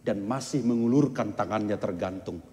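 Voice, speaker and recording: A male pastor with a Batak Indonesian accent, preaching a sermon as an animated storyteller who asks rhetorical questions. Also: fairly low pitch, normal speed, long reverb tail. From North Sumatra, Indonesia.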